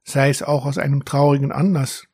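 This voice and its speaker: A man voicing a boastful young male dragon who tells his tales with indignant, lively gusto. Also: medium pitch, fairly quick, breathy edge, no echo, clean studio sound. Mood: indignant boasting.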